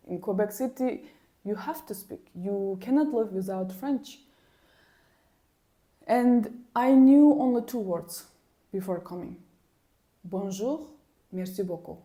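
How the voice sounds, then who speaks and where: This language vlogger, a Kyrgyz native speaker, shares personal stories to camera in a casual way. Her voice is medium in pitch and her pace slow. Animated and exasperated, she leans on repeated words for emphasis.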